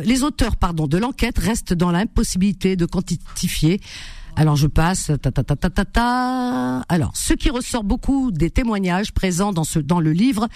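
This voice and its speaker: A woman hosting a radio call-in show, chatting casually and reading an article aloud, halting with many fillers and restarts. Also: medium pitch, a little mellow, no echo.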